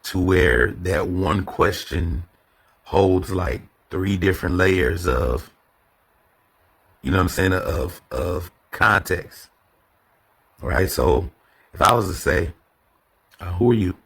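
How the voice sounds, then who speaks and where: Low gravelly man, slow rambling podcast talk. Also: animated, fairly bright tone. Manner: rambling, conversational, lots of fillers and repeated words. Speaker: podcast host. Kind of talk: casual solo podcast monologue.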